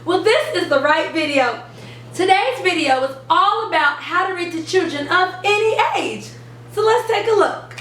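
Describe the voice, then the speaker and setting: Hosting an education channel for parents and teachers, a woman speaks to camera in an upbeat, animated, emphatic and teacherly way. Her voice is very high-pitched and her pace moderate. A distant mic captures her in a roomy space with faint background noise.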